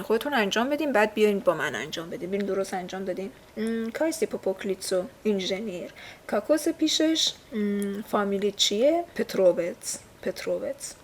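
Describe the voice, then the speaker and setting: A woman's voice: mid-range voice, darkish tone, a little hiss or hum. A woman with a Persian accent teaching a language lesson from a textbook. She explains things patiently and uses many fillers. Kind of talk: casual recorded lesson reading a textbook.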